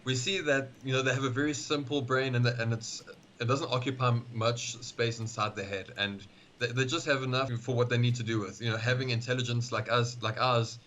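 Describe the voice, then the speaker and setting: A man's voice: mid-range voice, fairly even intonation, fairly bright tone, highs cut off, a little hiss or hum. A man, a paleontologist, talking eagerly on a game stream and often restarting his sentences. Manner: enthusiastic, halting with many restarts. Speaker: paleontologist guest. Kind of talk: casual chat on a game stream.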